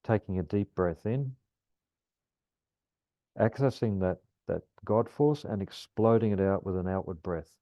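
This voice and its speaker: A man guiding a calm grounding meditation, speaking gently and soothingly as a teacher. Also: fairly low pitch, unhurried, long pauses. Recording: roomy, slightly dull lo-fi sound.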